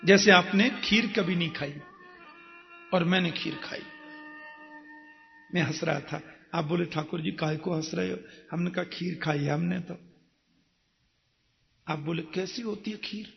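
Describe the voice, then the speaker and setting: High-voiced man preaching in echoing hall. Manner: folksy storytelling, acts out dialogues, chants verses. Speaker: kathavachak preacher. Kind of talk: devotional sermon with storytelling. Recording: dull sound with long hall reverb and music.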